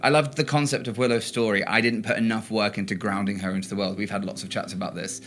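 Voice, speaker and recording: A man's voice: fairly low pitch, fairly even intonation, fast, fairly bright tone, soft background music. A man in a tabletop podcast chat, talking earnestly and thinking aloud with restarts. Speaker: player in a tabletop game podcast.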